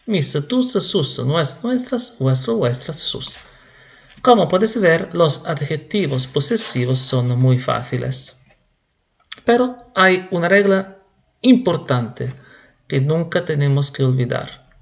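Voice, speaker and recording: A man teaching Spanish grammar slowly and deliberately, repeating each word. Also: a little high, lively intonation, vocal fry, lo-fi sound. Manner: slow, deliberate, repeats words. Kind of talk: slow classroom explanation.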